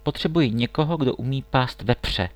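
A man voicing an older emperor in a storybook reading, measured and unhurried. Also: medium pitch, close to an everyday voice. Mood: weary.

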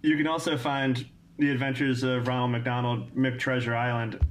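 A man, a comedian guest on a casual podcast, joking in quick bursts with restarts. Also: medium pitch, level tone.

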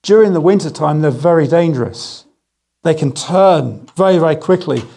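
A middle-aged man preaching a sermon, telling stories with gentle humour and slowing down on key phrases. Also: fairly high pitch, animated, vocal fry. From England. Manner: storytelling with gentle humour, slow emphatic phrases. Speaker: guest speaker.

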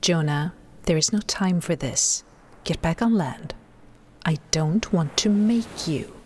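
A woman's voice: lowish voice, takes it slowly, darkish tone, slight background noise. A woman playing a disembodied, commanding voice of God who narrates and coaxes in an audio drama. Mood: wry, insistent.

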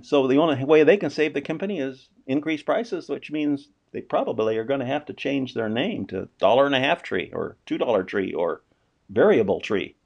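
A man's voice: mid-range voice, gravelly, darkish tone, highs cut off. A man giving a casual, unscripted economic commentary, asking rhetorical questions and often restarting his sentences. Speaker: finance commentator.

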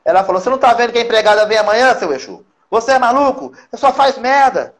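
A man's voice: extremely high pitch, lively intonation, racing, darkish tone, voice pushed up. A Brazilian man voicing an exasperated wife who scolds her husband. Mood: scolding.

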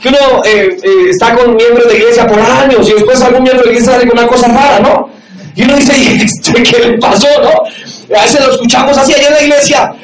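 Male pastor, very high voice, preaches with shouted emphasis; live sermon from a distance with audience sounds. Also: fairly even intonation, fast, a crowd in the background. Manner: acts out quoted voices in dialogue. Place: church or meeting hall with audience. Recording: echoey room, mic from afar, audience noise.

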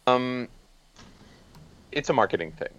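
A man's voice: medium pitch, animated, unhurried, a bit bright, dry recording, lo-fi sound. A man speaking as a guest photojournalist on a podcast, plain and practical with some fillers. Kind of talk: casual podcast talk.

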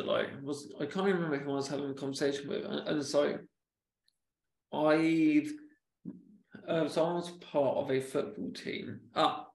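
Talking casually on a podcast, this man stalls and repeats words because of a stammer, which he also discusses. His voice is gravelly and a touch high, with level, unvarying pitch, and the room echoes.

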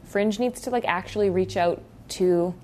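A woman's voice: mid-range voice, normal speed, noisy background. A young woman hosting a casual podcast interview, chatty and full of "like" fillers. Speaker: podcast host.

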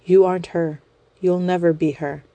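A woman's voice: lowish voice, fairly even intonation, moderate pace, warm tone, dry recording, close to an everyday voice. Woman reading as a firm, angry protective husband. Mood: cold, firm. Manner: firm, accusing, cutting. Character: angry, protective young husband and pop idol.

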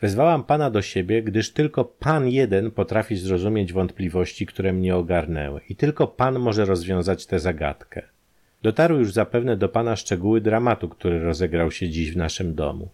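A man's voice: deep voice, moderate pace, a little mellow, close to an everyday voice. A man voicing a distraught young woman who pleads earnestly and urgently in an audiobook. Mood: earnest pleading.

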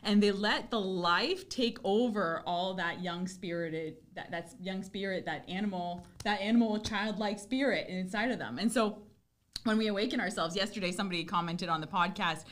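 A woman's voice: mid-range voice, normal speed, a bit bright. Bubbly woman podcast host. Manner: bubbly, effusive, laughs often. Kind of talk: casual podcast interview.

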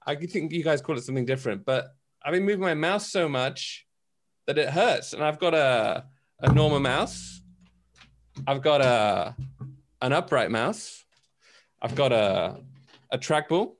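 A man, chatting on a video call from his home office, chatty and self-mocking. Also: on the high side. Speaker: freelancer on a community call. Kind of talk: casual chat.

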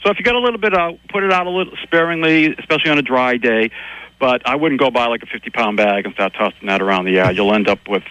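A man's voice: mid-range voice, lively intonation, fast, pushed and bright, no room sound, low-quality recording. A man, a guest bird expert on a radio show, talking in a folksy, hesitant way with many fillers. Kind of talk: casual radio chat.

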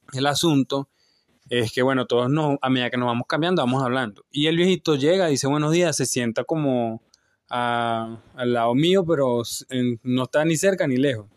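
A man's voice: medium pitch, no echo, studio quality. Rambling young man telling stories. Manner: rambling storyteller with many fillers and restarts, laughs often. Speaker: podcast co-host. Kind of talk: casual podcast chat.

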